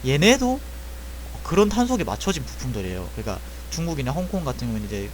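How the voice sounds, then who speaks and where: Fast and sing-song in a mid-range voice, an airsoft repair tutor walks viewers through purchasing gearbox parts on a screen recording. He explains casually step by step, correcting himself mid-sentence often, and the poor audio carries a little hiss or hum.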